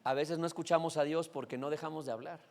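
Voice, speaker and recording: A man's voice: on the high side, steady tone, fast talker, creaky. A male pastor with a Mexican Spanish accent, preaching a sermon in a conversational way and often checking in with his listeners.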